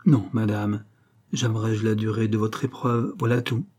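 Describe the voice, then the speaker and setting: A man's voice: fairly low pitch, fairly even intonation, normal speed, darkish tone, slightly rough. A man reading as an anguished young suitor. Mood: solemn. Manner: solemn and emotional. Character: young gentleman in love, anguished, stiffly polite. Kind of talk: audiobook reading.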